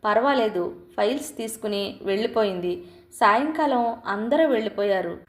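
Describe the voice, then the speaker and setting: A woman reading a story aloud in a calm, measured scripted narration. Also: on the high side. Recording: roomy echo.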